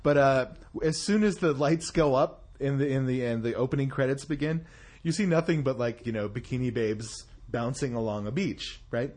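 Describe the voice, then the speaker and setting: A man's voice: mid-range voice, normal speed, darkish tone. A man co-hosting a casual movie chat, rambling, repeating words and laughing often. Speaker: podcast co-host.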